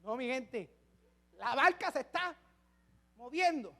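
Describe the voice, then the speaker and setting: A man preaching a sermon as a pastor, chatting with humor, then dropping to hushed asides and rising to shouted climaxes. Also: extremely high pitch, lively intonation, slow. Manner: conversational and humorous with the congregation.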